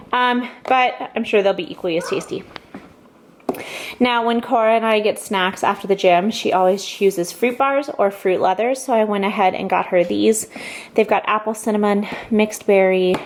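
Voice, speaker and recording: Chatty pregnant mom vlogging a haul. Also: female voice, medium pitch, slight background noise. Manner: chatty, upbeat, many fillers and asides. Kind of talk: casual haul vlog chat.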